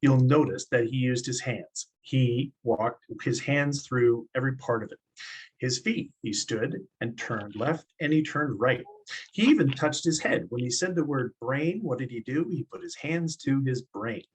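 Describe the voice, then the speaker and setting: In a rough recording, a man with a slightly husky, medium-pitched voice teaches public speaking a little slowly. He guides students through each point step by step, encouraging them in a classroom style.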